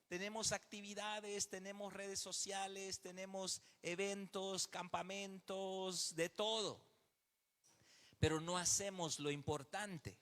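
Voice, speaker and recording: A man's voice: high-pitched, fairly bright tone. A man from Mexico with a Mexican Spanish accent, a pastor teaching at a leaders' seminar, telling stories and explaining step by step. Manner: storytelling, acts out dialogue, explains step by step. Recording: reverberant hall.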